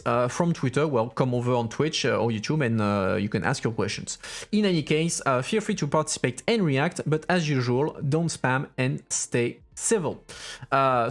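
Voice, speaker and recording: A man hosting an informal livestream interview, speaking hesitantly and often repeating his words as he goes. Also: medium pitch. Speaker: host and interviewer of a political livestream.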